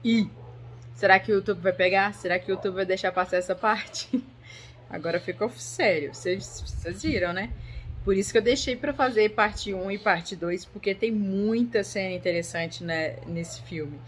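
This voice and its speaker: A woman's voice: mid-range voice, moderate pace, a little hiss or hum. A woman casually talking her viewers through a horror film, chatty and direct, often checking in with them. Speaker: YouTuber reviewing a horror film. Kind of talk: casual film commentary vlog.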